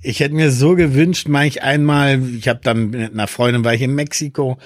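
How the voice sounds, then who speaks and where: A man who grew up in Berlin, talking in a relaxed conversation, thoughtful and sometimes emphatic. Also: medium pitch, moderate pace, no room sound, clean studio sound. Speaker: conversation partner. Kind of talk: casual chat.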